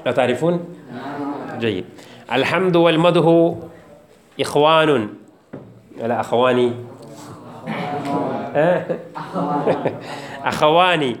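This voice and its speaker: Male teacher, lecture style, somewhat high voice, repeats lines and quizzes, roomy echo. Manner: repeats key phrases and quizzes students, jokes. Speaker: teacher of Islamic theology. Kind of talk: classroom text lecture.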